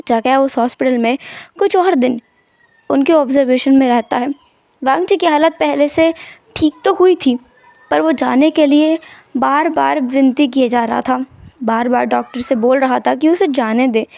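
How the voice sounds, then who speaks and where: A woman retells a fan story in a loose, conversational manner. Her voice sits high, and the recording is dry and close with no room sound. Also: creaky, darkish tone, no echo. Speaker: story narrator.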